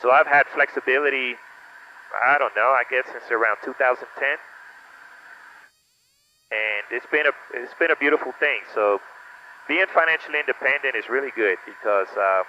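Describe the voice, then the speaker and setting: A man talks casually through a pilot cockpit headset, the audio dull and muffled. Faint engine hum sits under his voice. He rambles, with many "uh" fillers, at a middling pitch. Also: normal speed, long pauses. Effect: pilot cockpit headset intercom. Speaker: pilot and vlog host. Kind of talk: casual vlog talk while flying. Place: small plane cockpit in flight. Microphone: aviation headset boom mic.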